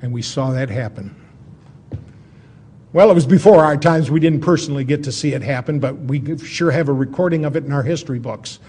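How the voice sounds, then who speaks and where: Higher-voiced man telling history, folksy. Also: a little fast, a little mellow, a little hiss or hum. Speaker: lecturer. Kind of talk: informal history lecture, storytelling.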